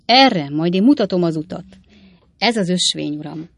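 A woman's voice: lowish voice, expressive, vocal fry, no echo. A woman voicing a cheeky, practical young male servant who talks urgently and bossily.

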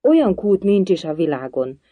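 A storybook reader voicing a curious, polite little girl who asks many questions, raised higher and louder. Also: big pitch swings, dry recording. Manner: eager questioning, timid at times.

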